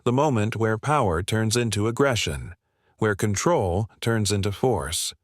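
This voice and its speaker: A man narrates a scripted dramatic story in a steady, even reading. His voice sits on the low side and sounds dry and close, with no room around it. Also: a little slow, no echo.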